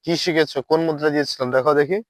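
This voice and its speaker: Talking very fast in a slightly high, steady voice, a man acts out a strict dance teacher for a comedy skit, bossing people around, scolding, threatening punishment and chanting counts. The recording is dry.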